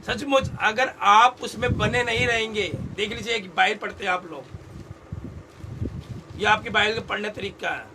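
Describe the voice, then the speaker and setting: High-pitched male pastor, call and response sermon, keeps asking the crowd to repeat after him, noisy recording. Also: moderate pace. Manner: quizzes the congregation, repeating phrases. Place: church hall. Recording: loud background noise.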